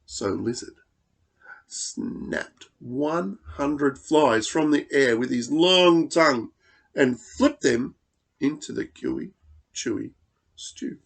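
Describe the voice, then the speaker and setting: A man reading a children's storybook aloud as an expressive narrator. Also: medium pitch, takes it slowly, gravelly, breathy edge. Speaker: storybook reader.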